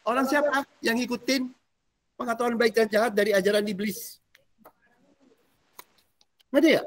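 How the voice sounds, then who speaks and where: A male pastor teaches a discipleship class in a casual, animated sermon, often quizzing his listeners. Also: extremely high pitch, normal speed. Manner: casual slangy preaching, quizzing the audience, animated swings between loud and soft.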